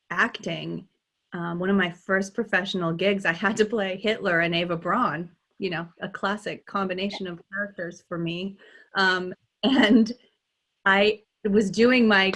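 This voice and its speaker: A woman talks as a dialect coach in a casual interview. She is animated and laughs easily, restarting her sentences as she thinks aloud. Her voice sits at an ordinary middle pitch. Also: measured pace. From United States. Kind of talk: conversational interview.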